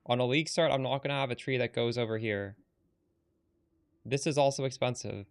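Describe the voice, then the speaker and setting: A man's voice: medium pitch, fairly quick, clear, resonant tone. A man live-streaming a game, talking bluntly and with some exasperation as he answers chat, swearing casually.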